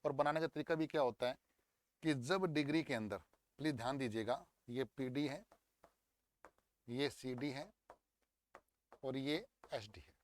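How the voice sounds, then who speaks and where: A young man teaching English grammar in a lively, coaxing way, walking through an exam paper and drilling words aloud. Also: mid-range voice, measured pace, pauses often, dry recording. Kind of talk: exam paper walkthrough lesson.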